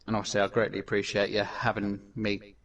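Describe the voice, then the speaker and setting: A man hosts a casual gameplay commentary in a low-set voice, rambling along with plenty of fillers and restarts. He sounds set back from the microphone, as if the mic sits some distance away. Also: completely flat delivery, quick pace, fairly bright tone. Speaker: gaming channel host.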